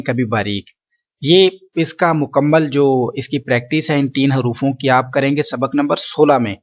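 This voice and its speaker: A man teaching Quran letter pronunciation, patiently explaining and drawing each sound out slowly for students to repeat. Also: medium pitch, highs cut off. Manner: slow drawn-out letter drills, patient explaining. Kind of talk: pronunciation lesson.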